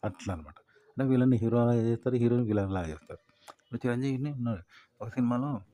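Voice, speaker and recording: A man's voice: medium pitch, fast, dark tone, no echo. A man explaining ideas in a casual, rambling monologue, repeating his points through everyday examples. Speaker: YouTube commentator.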